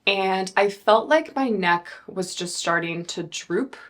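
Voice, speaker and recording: A woman's voice: mid-range voice, expressive, slow pace, a bit bright. A woman in her thirties chatting casually through a beauty product review, rambling with fillers and self-corrections. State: a bit out of breath. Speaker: beauty vlogger.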